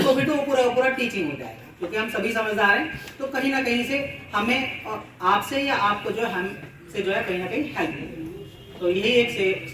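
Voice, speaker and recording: A man's voice: high voice, noisy background. A man giving a presentation to fellow teachers at a cluster meeting. He explains at length, repeats words and leans on everyday examples. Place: school meeting room. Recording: echoey room, voice far from mic.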